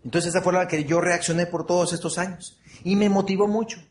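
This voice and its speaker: A man's voice: high-pitched, fairly even intonation, fairly quick, a little hiss or hum. A man giving a motivational speech to an audience, earnest, repeating phrases and asking the audience for agreement. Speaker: motivational speaker.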